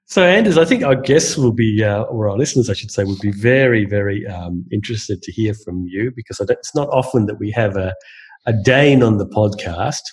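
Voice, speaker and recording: A man whose voice is on the low side, with a breathy edge, hosts a podcast, talking fairly quickly and in an animated way. He introduces his guest loosely and hesitantly in a casual chat, often using fillers and restarting.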